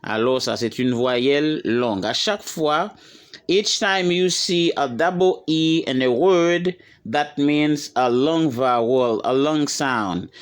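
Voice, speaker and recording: A man teaching English vocabulary to French speakers, slowly repeating words and lifting his voice on each English example. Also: a little high, smooth. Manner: slow, repeats words for learners. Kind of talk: bilingual vocabulary lesson.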